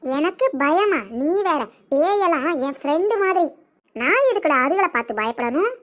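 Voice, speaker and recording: A woman voicing a sharp-tongued, boastful old grandmother in a cartoon, scolding and loud, shrieking when scared. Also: sits high, lively intonation, moderate pace. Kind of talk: cartoon voice acting.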